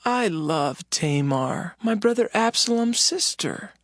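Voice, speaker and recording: An actor playing a lustful, demanding young prince in a dramatized scripture reading, with formal archaic speech. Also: male voice, sits high, animated, slow pace, a bit bright, no room sound, studio quality, exaggerated voice. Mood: lovesick. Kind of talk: dramatized scripture audio acting.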